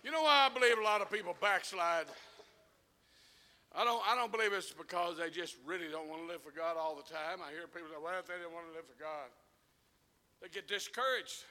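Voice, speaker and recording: A man preaching, his voice sitting very high and ringing bright and sharp. He spins folksy, homespun stories and swells into fervent preaching. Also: fairly quick. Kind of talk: sermon.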